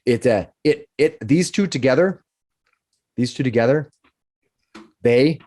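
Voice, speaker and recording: A man's voice: medium pitch, expressive, measured pace, darkish tone. A man acting as game master, narrating a tabletop game casually and repeating his phrases as he explains.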